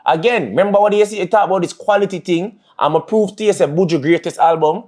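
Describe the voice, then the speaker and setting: A Jamaican man with a somewhat high voice debates casually. He argues his case point by point. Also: quick pace, darkish tone.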